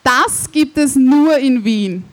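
A woman hosting a live podcast on stage, asking quick playful questions. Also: high voice, animated. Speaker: podcast host. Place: outdoor stage at a live event.

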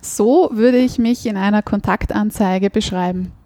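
A woman hosts a podcast interview, firing off short prompts and questions. Her voice is warm and mellow at a middle pitch, and the room sounds dry. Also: measured pace, no room sound. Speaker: podcast host.

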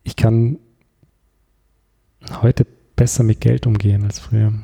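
An Austrian-accented man chats casually as an interview guest, reflecting aloud and hesitating as he often hunts for the right words. His fairly low voice is level, gravelly and mellow, and he talks a little slowly.

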